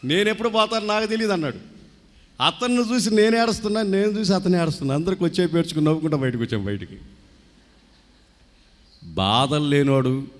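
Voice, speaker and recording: A male pastor preaching a sermon and telling stories, often acting out the voices of the people in them. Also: fairly high pitch. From India. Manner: storytelling preacher who acts out quoted voices. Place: church hall. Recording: long hall reverb.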